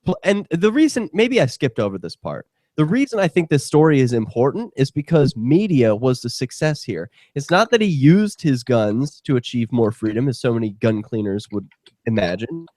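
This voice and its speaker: A man's voice: medium pitch, very animated, moderate pace, darkish tone, no room sound, clean studio sound. A man hosting a talk radio show, ranting in a profane, heated and sarcastic way. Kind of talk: casual talk radio rant.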